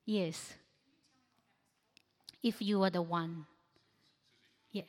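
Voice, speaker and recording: A woman with a lowish, slightly mellow voice speaks extremely slowly in a steady tone, hesitating often. English isn't her first language, and she's giving a practical, advice-focused slide presentation at a church ministry training. The hall is echoey, with long reverb.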